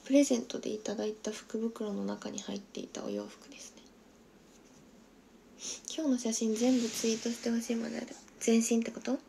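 Giggly young woman with a gravelly edge. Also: fairly high pitch, animated, fairly quick, a little hiss or hum. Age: 20s. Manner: giggly, drops to a soft whisper while reading comments. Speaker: idol livestreamer. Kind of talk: casual livestream chat reading viewer comments.

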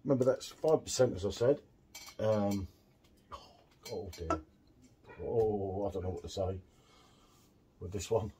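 A middle-aged man chatting excitedly while reviewing a beer at a home bar, full of tag questions. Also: lowish voice, unhurried, pauses often, slight background noise. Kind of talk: casual beer tasting chat.

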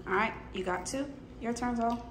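A woman's voice: a little high, normal speed. A woman hosts a casual family vlog, encouraging and directing the kids as she goes. Her voice carries in a roomy, echoing space with a little noise behind it. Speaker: adult hosting a kids' candy challenge. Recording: roomy echo, faint background noise.

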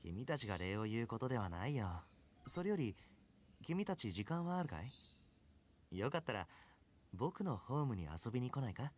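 A man's voice: mid-range voice, sing-song, a little mellow, slight background noise, close to an everyday voice. Suave, self-assured young anime gamer, acted by a man. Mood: polite, confident. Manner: smooth, courteous, unhurried phrasing with cool confidence. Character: suave, self-assured young male top-ranked gamer, politely menacing. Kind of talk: Japanese anime game voice acting.

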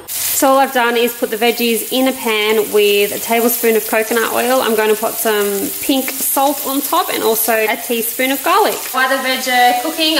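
In an echoey home kitchen with background noise, an Australian woman in her thirties, a health vlogger, talks the camera through her cooking routine. Her voice is a little high and a bit bright, and her tone is casual.

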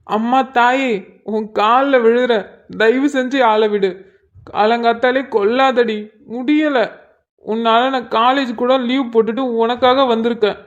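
A woman's voice: on the high side, fairly even intonation, a little slow, highs cut off, close to an everyday voice. A woman voicing an exasperated young college man in a cartoon, pleading and groaning as his girlfriend nags him. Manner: pleading, put-upon groaning. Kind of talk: cartoon voice acting.

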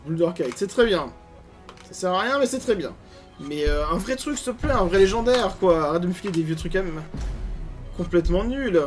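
A man giving casual gameplay commentary as a gaming YouTuber, animated, grumbling and swearing at bad loot. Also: high-pitched, normal speed, faint music behind.

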